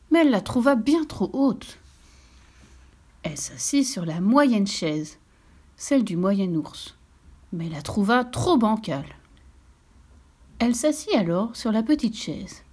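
A woman's voice: a little high, a little mellow, breathy edge. A woman narrating a children's storybook expressively, sometimes dropping to a whisper.

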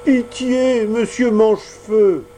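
A man voicing a small, frightened wooden puppet boy who pleads in high cries in a storybook reading. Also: big pitch swings, normal speed, warm tone, slight background noise. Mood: pleading.

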